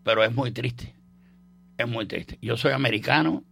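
An older Cuban man with a Cuban Spanish accent hosts a radio show, chatting casually on air about history in a rambling, joking way full of fillers and restarts. His mid-range voice is creaky, fairly bright and slightly rough, at a moderate pace.

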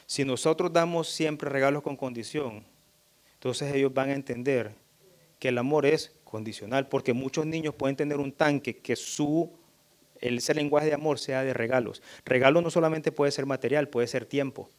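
A middle-aged man giving an emphatic, sermon-style talk on parenting, addressing the audience directly and jumping into high voices when he imitates children. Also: normal speed. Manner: animated, jumps up high when voicing children. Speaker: church speaker on parenting.

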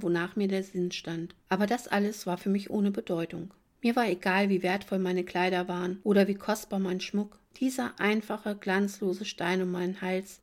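A woman reading a fantasy novel aloud in a calm, even narrating voice. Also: mid-range voice. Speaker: audiobook reader. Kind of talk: audiobook reading.

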